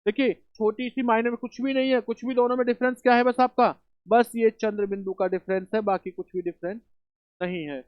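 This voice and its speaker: A man with a very high voice and a steady tone gives a brisk spelling lesson aimed at exam prep. Calling his students children and brothers, he raises rhetorical questions and answers them, in a dull, dry home recording.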